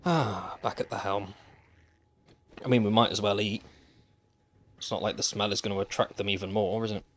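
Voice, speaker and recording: A man's voice: lowish voice, fairly even intonation, normal speed, slight background noise. A man streaming a survival game, chatting casually to viewers with dry, wry asides. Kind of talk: casual gameplay commentary. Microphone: desk microphone.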